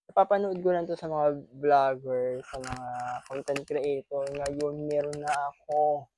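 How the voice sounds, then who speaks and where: A man's voice: on the high side, steady tone, unhurried, warm tone, a little hiss or hum, low-quality recording. A man from the Philippines chatting casually in an unboxing vlog, repeating his thanks and teasing playfully. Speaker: vlogger. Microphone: wireless clip-on microphone.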